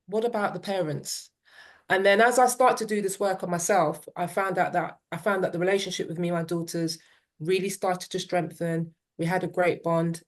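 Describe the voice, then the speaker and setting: A middle-aged woman, a parent and teen coach, telling her story in an interview with an earnest, reflective manner and frequent "um" and "yeah". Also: on the low side.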